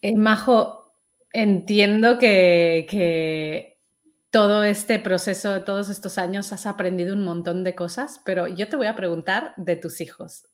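A woman's voice: medium pitch, a little slow. Attentive woman interviewer. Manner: attentive, prompts with short backchannels. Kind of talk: interview questions.

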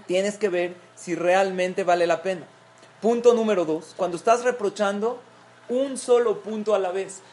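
A woman's voice: medium pitch, a little mellow, slight background noise. A middle-aged woman giving a parenting talk to a group of mothers, explaining points and acting out example quotes. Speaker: parenting class speaker.

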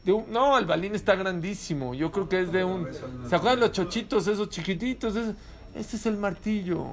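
A man's voice: high voice, moderate pace, a crowd in the background. A man preaching a sermon as a rabbi, telling stories and asking rhetorical questions with animation.

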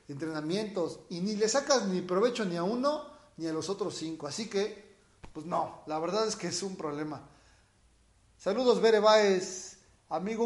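A Mexican man with a raspy, boozy-sounding voice, chatting informally as he explains things and answers viewers' questions. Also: high voice. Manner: informal, explanatory, frequently checking with the listener. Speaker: dog trainer hosting a question-and-answer livestream. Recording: echoey room.

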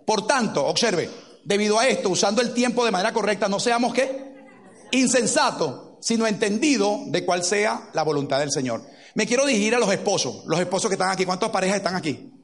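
Animated high-voiced man preaching. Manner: animated storytelling with acted-out quotes. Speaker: pastor. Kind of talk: sermon.

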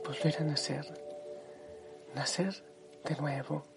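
Fervent middle-aged priest preaching over music. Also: male voice, fairly high pitch, fairly even intonation, slow pace, gravelly. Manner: fervent preaching that drops to hushed, near-whispered passages. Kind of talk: devotional sermon. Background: soft music backing.

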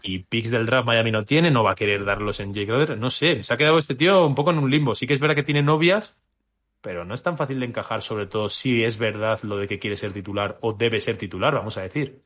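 A man's voice: mid-range voice, fairly quick, a bit bright. A man co-hosting a casual podcast, thinking aloud with many hesitations as he weighs his opinions. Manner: musing, hesitant, restarts often. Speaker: podcast co-host.

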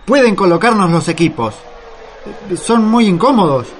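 A woman's voice: mid-range voice, sing-song, normal speed, a little hiss or hum, natural voice. A woman playing a wry, grumbling human in a radio drama.

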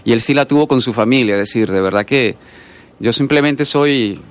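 A man's voice: medium pitch, normal speed. A man from Colombia, a guest artist in a radio interview who tells long stories full of asides. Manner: storytelling, rambling with asides. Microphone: studio microphone.

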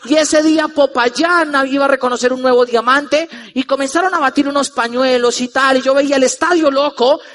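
A young Colombian man in his twenties telling a lively personal story to a live audience as a motivational speaker, acting out the people in it. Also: very high voice, brisk, hardly any pauses. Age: 20s. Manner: animated, acts out the voices of the people in his story.

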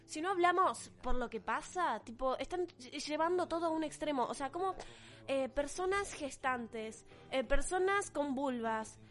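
A woman's voice: sits high, animated, unhurried, fairly bright tone. A teenage girl with an Argentine accent, ranting to camera in a blunt, profane and sarcastic way. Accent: Argentine Spanish. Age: teens. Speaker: vlogger. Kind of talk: opinion rant to camera.

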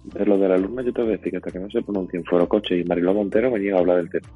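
A man's voice: sits low, steady tone, very fast. A man making joking, teasing casual conversation as a podcast co-host. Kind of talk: casual chat. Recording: dry phone-like line, music behind.

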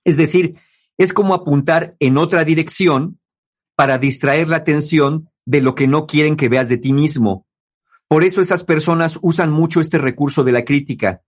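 A man hosting a talk on relationships, explaining to his listeners in a lively way. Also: fairly high pitch, moderate pace. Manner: lively, acts out quoted people in mocking voices. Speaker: host giving relationship advice.

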